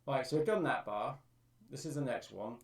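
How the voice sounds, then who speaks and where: A man's voice: mid-range voice, normal speed, gravelly, echoey room, recorded from a distance. A man on a live stream, thinking aloud as he explains how he edits his own vocal track. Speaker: streamer and amateur music producer. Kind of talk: live-stream tutorial talk.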